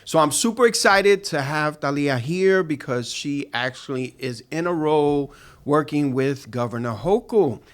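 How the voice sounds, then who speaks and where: A man's voice: on the high side, lively intonation, a little slow. A man hosting an interview podcast, welcoming and upbeat as he asks his guest questions. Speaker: podcast host.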